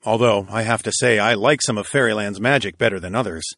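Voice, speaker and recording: A man's voice: lowish voice, fast, fairly bright tone, no echo, studio quality. A man playing a cocky, teasing young hero. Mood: wry. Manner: casual, wry, confident.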